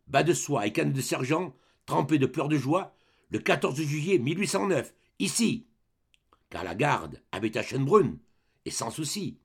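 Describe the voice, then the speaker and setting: Guy voicing a proud old soldier sergeant, gravelly husky voice, verse swinging all over. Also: medium pitch, heavily acted. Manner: declaiming, rhythmic verse delivery. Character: boastful old male grenadier sergeant, proud and loyal. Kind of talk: dramatic reading of a verse play.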